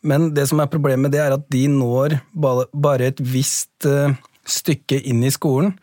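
Guy, principal on a podcast, lots of ehs and pauses, dry close mic. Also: medium pitch, fairly even intonation, dark tone, no room sound. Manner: thoughtful, hesitant with frequent fillers. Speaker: school principal and author. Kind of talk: podcast interview.

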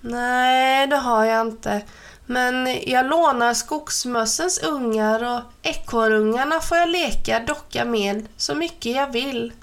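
A woman's voice: a little high, a bit bright. Woman doing an eager little elf girl. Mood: pleading. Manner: pleading, quick and eager.

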